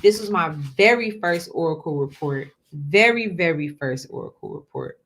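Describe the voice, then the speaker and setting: With a low-sitting, slightly bright voice and lively intonation at normal speed, a woman in her twenties chats casually on her own show. She repeats words a lot, refers to viewers as y'all, and asks "okay?"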